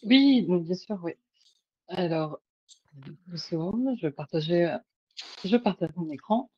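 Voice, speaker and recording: A woman's voice: fairly low pitch, lively intonation, slow pace, slightly rough, no room sound. A woman presenting a webinar over a video call, hesitant, with many fillers and restarts. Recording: dull lo-fi call audio.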